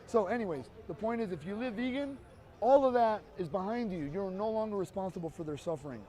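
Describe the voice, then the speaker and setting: Earnest and emphatic, a street activist pleads his case to a passerby outside on a city street. His high voice is warm and animated, and he talks fairly quickly.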